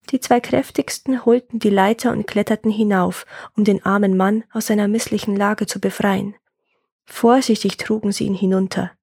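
A woman reads a legend in a calm, measured storytelling voice, her tone slightly gravelly and husky. The recording is close and dry, with no room sound. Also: medium pitch, dry recording. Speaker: storyteller and podcast host. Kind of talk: scripted fairy-tale narration.

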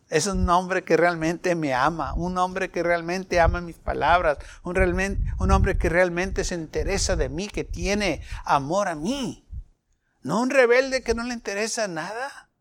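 High-voiced man preaching a sermon. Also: measured pace. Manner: preaching, rhetorical questions, shifting loud and soft. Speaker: pastor.

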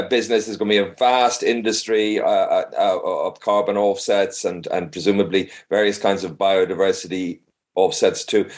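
A man interviewing someone conversationally, feeling his way through long questions with halting rephrasing. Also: sits low.

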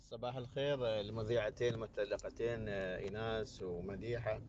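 A man leaving a casual, halting greeting as an audio message contributor. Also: on the low side, steady tone, darkish tone. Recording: dull lo-fi voice message, faint noise.

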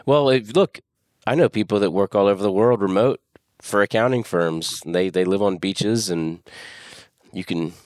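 A man co-hosting a casual podcast, telling stories in an animated way with stumbles and restarts. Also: on the low side, normal speed, no echo, studio quality. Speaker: podcast co-host. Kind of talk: casual chat.

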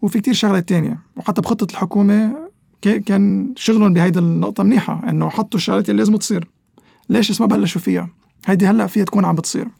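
A man with a Levantine, specifically Lebanese, Arabic accent talks quickly in a high voice with a creaky edge. He explains conversationally, like an expert guest, slipping English words into his sentences. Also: fairly even intonation, darkish tone, no echo, clean studio sound. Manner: mixes English terms into Arabic. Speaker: interview guest, economic analyst.

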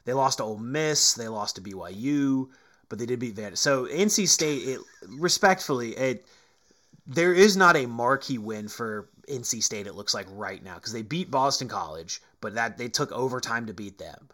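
A man's voice: medium pitch, animated, normal speed, fairly bright tone. A male co-host of a sports talk show with a mid-range voice. He is blunt and teasing, and rattles off stats while arguing his point.

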